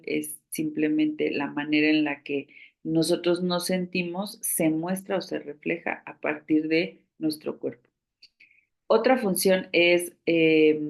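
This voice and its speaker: Slow, gravelly-voiced woman instructor. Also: low voice. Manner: measured, explanatory, pauses to search for words. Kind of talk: online training lecture.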